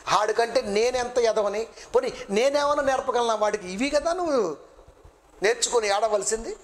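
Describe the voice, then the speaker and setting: A man's voice: extremely high pitch, lively intonation, moderate pace, slight background noise. A man preaching a sermon, blunt and colloquial, driving his points home with rhetorical questions. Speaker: preacher and bible college director.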